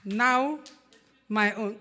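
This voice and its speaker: A speaker in their sixties talking in a relaxed group discussion, halting and laughing between short phrases. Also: mid-range voice. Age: 60s.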